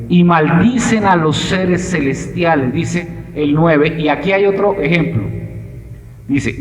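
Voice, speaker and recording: A man preaching a verse-by-verse Bible exposition, emphatic and repeating his key phrases. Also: a little high. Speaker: pastor. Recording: echoey hall.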